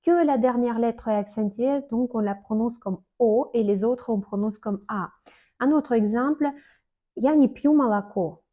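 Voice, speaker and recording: A woman's voice: a little high, normal speed. A woman teaching a casual video lesson, speaking hesitantly with many fillers and restarts. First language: Russian. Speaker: Russian teacher. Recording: tinny phone-like sound.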